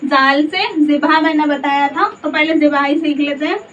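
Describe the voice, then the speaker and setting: A woman teaching a slow Urdu spelling lesson. She says each letter in turn, then reads out the whole word, and she asks the learner questions along the way. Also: high voice, steady tone, a bit bright. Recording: dull, muffled audio from a distance with faint background hiss.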